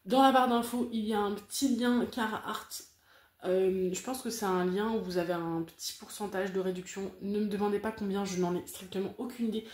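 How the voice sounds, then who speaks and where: Chatty woman vlogger with a mellow voice. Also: mid-range voice, fairly even intonation, a little fast, echoey room. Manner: chatty, frank, rambling with many fillers and repetitions. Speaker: craft vlogger reviewing a diamond painting kit. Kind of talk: casual vlog review.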